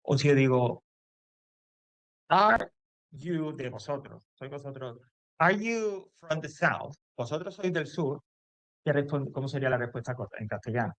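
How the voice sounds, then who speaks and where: A man's voice: mid-range voice, normal speed, pauses often, no room sound. A man teaching English grammar to a class, explaining step by step and checking in often.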